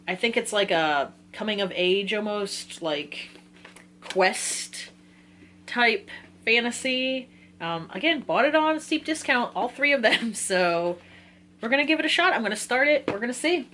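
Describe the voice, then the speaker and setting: Talking to her viewers about books, a twenty-something vlogger speaks at a measured pace in a slightly high, expressive voice whose tone is bright and forceful. She keeps things informal, giggling and often interrupting herself, while a little hiss or hum is audible.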